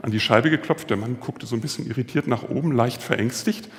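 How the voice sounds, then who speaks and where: Male preacher, mid pitch, casual anecdotal sermon, long church-hall reverb. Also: brisk. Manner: storytelling, acting out quoted voices.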